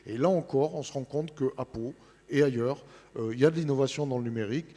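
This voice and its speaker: A man's voice: medium pitch, a little fast, dark tone. A man speaking as an interview guest, informally presenting events and often searching for his words. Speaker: interview guest representing a newspaper. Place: large studio set in a big hall. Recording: large hall with long reverb.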